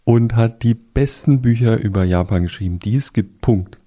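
A man's voice: mid-range voice, moderate pace, dark tone. A man hosting a podcast, talking casually and recommending things with emphatic enthusiasm. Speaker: podcast host. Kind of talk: casual conversation.

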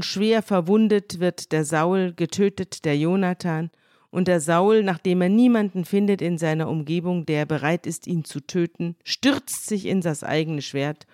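An older woman co-hosting a podcast, retelling a Bible story in lively conversation and voicing the quoted lines in her own voice. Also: fairly low pitch, dry recording, studio quality. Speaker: podcast co-host.

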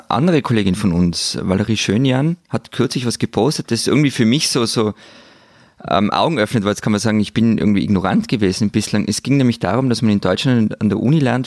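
A man who co-hosts a debate podcast, speaking thoughtfully and posing questions. His voice is low with a gravelly texture, recorded dry and close. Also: a little mellow, no echo. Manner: reflective, questioning. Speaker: podcast co-host. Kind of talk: casual debate.

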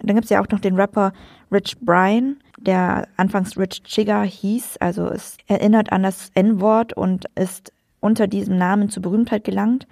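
Gravelly, mellow-voiced woman co-host. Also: mid-range voice, fairly even intonation, normal speed, dry recording, studio quality. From Cologne. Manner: blunt, explanatory. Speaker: podcast co-host. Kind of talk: casual podcast talk.

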